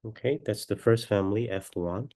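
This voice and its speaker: Congested male lecturer, low mellow voice. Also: moderate pace. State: stuffy, runny nose from a cold. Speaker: mathematics lecturer. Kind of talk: technical lecture, explaining a proof step by step.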